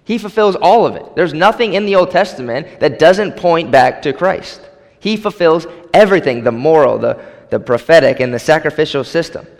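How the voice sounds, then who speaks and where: A man preaching from the pulpit in an emphatic sermon voice, pitched a little higher than most men. He leans on key phrases and repeats them for weight. His voice carries a long reverb through a church sanctuary. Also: animated, normal speed, creaky. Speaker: pastor.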